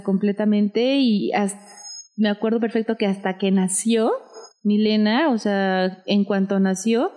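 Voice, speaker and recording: A woman, telling her story as a guest in a casual interview, chatty and animated with many fillers. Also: medium pitch.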